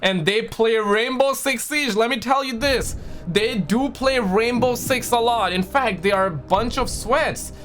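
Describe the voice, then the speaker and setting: Male gaming streamer, high voice, slangy emphatic reaction commentary, faint music underneath. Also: measured pace, a bit bright. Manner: slangy, emphatic, repeats phrases.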